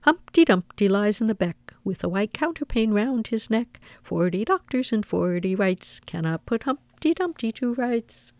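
A woman's voice: mid-range voice, lively intonation, moderate pace, hardly any pauses, a little mellow, dry recording, voice pushed up, close to an everyday voice. A woman voicing a cheeky, impudent young male squirrel who chants taunting riddles in a storybook reading. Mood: taunting, singsong. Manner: singsong, taunting rhyme.

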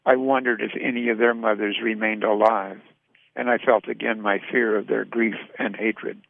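A man gives a measured, sombre reading in a voice thick with gravel. The sound is narrow and phone-like, dry with no room around it. It sounds like a radio reading. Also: on the low side, level tone, no echo. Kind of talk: literary reading.

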